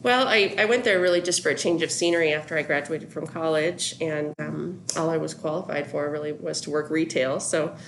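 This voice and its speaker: A woman's voice: low-pitched, brisk, few pauses, a little hiss or hum. A woman from Colorado, a business owner answering interview questions lightly and laughing easily. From Colorado, USA. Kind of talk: conversational interview.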